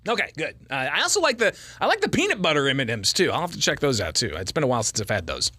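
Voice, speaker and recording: Talking very fast with wildly swooping pitch, this American radio talk show host has a sharp, husky mid-range voice. He chats casually on his live call-in program through a close studio mic, with no echo.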